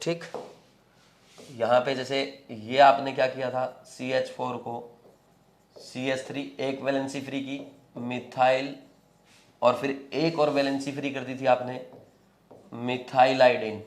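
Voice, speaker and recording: A man's voice: mid-range voice, flat delivery, takes it slowly, long pauses. A man teaching chemistry in a lecture, explaining step by step in mixed with English terms and often checking whether students are following. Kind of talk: classroom lecture at a board.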